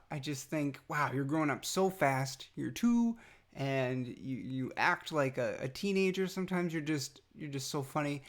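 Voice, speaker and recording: A man's voice: a little high, creaky. A young adult man recording a rambling, affectionate birthday message to his little son a few days after nose surgery. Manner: rambling and affectionate, many fillers and restarts. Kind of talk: casual personal message.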